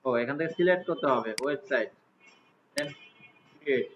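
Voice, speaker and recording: Teacher with tinny lo-fi sound. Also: male voice, mid-range voice, lively intonation, moderate pace, fairly bright tone. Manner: casual, asks students frequent check questions. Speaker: computer class teacher. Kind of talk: live class walkthrough. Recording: tinny phone-like audio with faint hiss.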